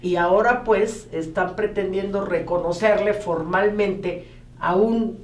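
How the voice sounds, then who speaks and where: A woman moderating a political panel discussion in a measured, steering way. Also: medium pitch, slight background noise. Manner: measured, steering the talk, frequent backchannel. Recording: roomy echo, a bit far from the mic.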